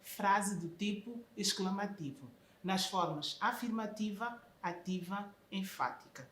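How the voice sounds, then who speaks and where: A woman reads a recorded lesson as a teacher, in a slow, careful classroom delivery. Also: mid-range voice, a bit bright, roomy sound, a little hiss or hum.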